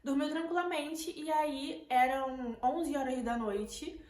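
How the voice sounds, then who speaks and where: A woman's voice: high voice, slow pace, darkish tone. A young woman with a Brazilian Portuguese accent, retelling a tense night to her viewers in casual, emotional storytelling that keeps repeating words. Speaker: vlogger. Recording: echoey room, faint background noise.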